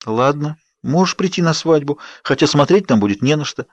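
Wheedling young woman vampire, lifted pitch, dry recording, audiobook, man reading her. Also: lively intonation, brisk, dry recording. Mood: pleading. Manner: wheedling and coaxing. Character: pleading, bubbly young woman vampire friend. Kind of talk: audiobook character voice.

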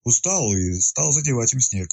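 A wheezing investigator, anxious and careful with his words, as a male storyteller puts him on. His voice is lifted above the reader's own and carries a husky grain, lively in its rise and fall. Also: medium pitch, pitched above the performer's own voice. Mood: tense. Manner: wheezing, measured.

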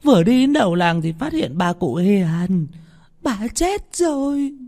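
A man voicing a terrified village woman who whimpers and pleads slowly. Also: sits high, very animated, a little mellow, voice pushed up, exaggerated voice. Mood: wailing, pleading.

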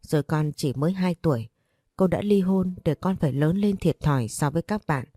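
A woman narrating a romance audiobook in a steady, even storytelling voice. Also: deep voice, normal speed, breathy edge, no room sound, clean studio sound.

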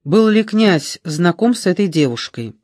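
A man reading an audiobook, voicing a young woman in her twenties who questions firmly and calmly. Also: high-pitched, measured pace, no room sound, clean studio sound. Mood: probing. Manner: firm, probing, calm.

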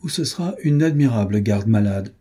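A courteous, authoritative doctor, read by a man who speaks in a measured and polite way. The voice is dark and husky, as in a storybook reading. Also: fairly low pitch, animated. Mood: persuasive.

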